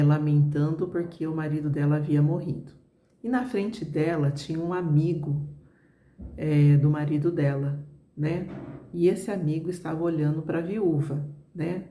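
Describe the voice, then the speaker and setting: Middle-aged woman, Brazilian Portuguese accent, very mellow dark tone, roomy echo, chatty storytelling vlog. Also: low voice. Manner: conversational, fillers like "né" and "gente", addresses viewers directly. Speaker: travel vlogger. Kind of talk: personal storytelling to camera.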